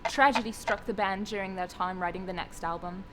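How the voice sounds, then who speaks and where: A woman narrating in a formal, announcer-like documentary style. Her voice sits at a middle pitch. Clear music plays underneath her. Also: steady tone, a little fast.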